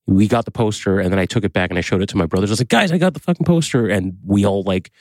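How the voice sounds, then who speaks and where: A man's voice: deep voice, fairly even intonation, racing, a little mellow, dry recording. A young man guest in a casual podcast chat, a laid-back storyteller who swears freely.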